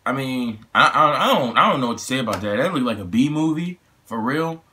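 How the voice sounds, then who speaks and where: A man's voice: medium pitch, fairly quick, sharp tone. A young man, chatting casually and rambling through a trailer reaction, slangy and full of fillers and restarts. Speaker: YouTube reaction host.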